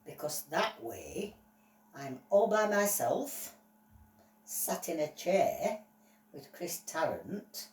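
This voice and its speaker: A woman voicing an excitable male dog on trial, gushing and apologetic in a playful toy-play story. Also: lowish voice, takes it slowly, pauses often, recorded from a distance, voice pushed down. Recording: roomy echo, voice off-mic.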